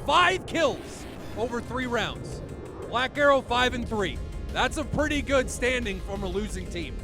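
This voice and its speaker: A man calling a match live as a caster, quick and excitable, shouting at the big moments. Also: high-pitched. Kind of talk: live play-by-play commentary. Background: music.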